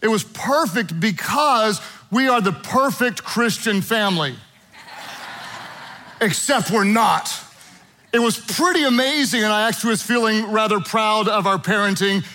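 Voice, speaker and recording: Middle-aged male pastor, bright and ringing, high for a man; animated, humorous sermon storyteller. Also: measured pace, rough recording. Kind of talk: sermon to a live and online congregation. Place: church auditorium with congregation.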